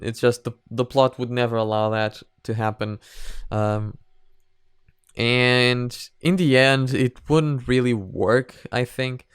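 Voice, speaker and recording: With a steady, smooth, mid-range voice and a slow pace, a man reacts as a video reviewer to an animated parody series. He's casual and unscripted, hesitant, rambling and repeating himself, all in clean studio sound with no echo.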